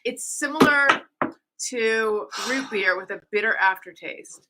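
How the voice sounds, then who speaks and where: A podcast host, a woman with a slightly high voice, speaks a little slowly over heavy background noise. Feeling a bit under the weather, she hosts a casual chat, playfully reading trivia aloud while fighting off a cough.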